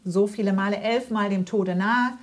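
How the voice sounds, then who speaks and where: A woman's voice: medium pitch, fairly even intonation, normal speed. An older woman, a guest evangelist, earnestly tells healing stories in a church interview and quotes her prayers. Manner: earnest storytelling, quoting prayers.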